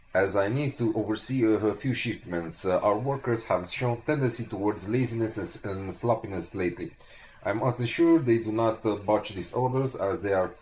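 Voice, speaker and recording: A man reading the lines of a dutiful young man from a game, halting now and then. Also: lowish voice, slight background noise, lightly acted. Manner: reads aloud in plain voice, halting.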